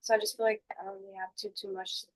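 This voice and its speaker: A dejected, down-on-her-luck woman as acted in a counseling role play confides in a counselor. Her voice is middle-pitched, and she talks in a downcast, halting way. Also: level tone, close to an everyday voice, poor audio. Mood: discouraged. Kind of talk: mock counseling session.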